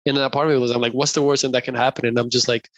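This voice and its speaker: A man's voice: medium pitch, little pitch movement, very fast, dry recording. Upbeat chatty young man from Colombia. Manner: upbeat, chatty, laughs often. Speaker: guest, real estate investor. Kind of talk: casual interview chat.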